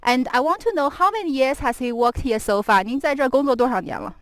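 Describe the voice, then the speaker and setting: A woman's voice: high voice, expressive, fast, poor audio. Bubbly woman hosting a snowy outdoor walk. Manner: chatty and giggly, laughing often. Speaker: live stream host and guide on a walk. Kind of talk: casual live-stream chat, switching between English and Mandarin. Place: outdoors on a snowy stretch of the Great Wall, walking. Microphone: handheld camera follows her while she walks.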